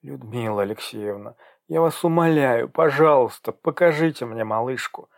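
A man's voice: mid-range voice, a little slow, lightly acted. A frightened young mother, anxious and pleading, her voice often lifting above the reader's usual range. A man acts her out in an audiobook reading. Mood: desperate pleading.

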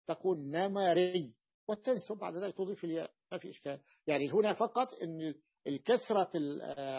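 A male teacher explains a grammar lesson and drills each word form with patient repetition. His voice sits a little high, with a gravelly and husky grain. The recording is dull and lo-fi.

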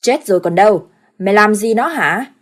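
A woman's voice: mid-range voice, lively intonation, normal speed, lightly acted. A woman doing an angry old village patriarch. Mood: scolding. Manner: scolding, commanding.

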